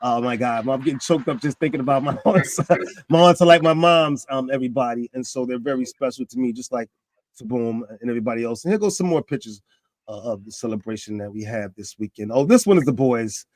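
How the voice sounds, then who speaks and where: A man in his fifties hosting a casual talk show, animated, his pitch climbing when he gets excited. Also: fast, dry recording. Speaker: podcast host.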